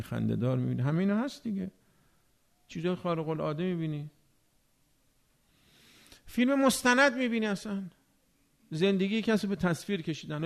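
A man preaching a religious sermon, animated and rhetorical, often asking his listeners whether they agree. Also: a little high, vocal fry. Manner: animated, acts out everyday speakers.

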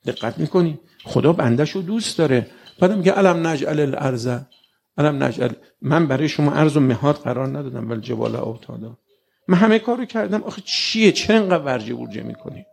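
A man's voice: mid-range voice, gravelly, darkish tone, husky. A man preaching a religious sermon in a colloquial way, often putting rhetorical questions straight to his listeners. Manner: colloquial and conversational.

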